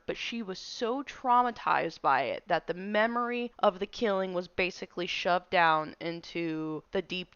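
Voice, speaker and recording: A woman's voice: medium pitch, fairly bright tone, clean tone, dry recording, dull audio. A woman hosting a true crime podcast, telling the case in a casual storytelling way. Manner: casual storytelling, reads case details evenly. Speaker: podcast host.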